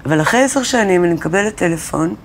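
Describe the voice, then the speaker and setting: This woman's voice is on the low side, with slight background noise in what seems to be a college studio or classroom. A singer-songwriter in a casual interview, she tells stories with animation and acts out the dialogue she quotes.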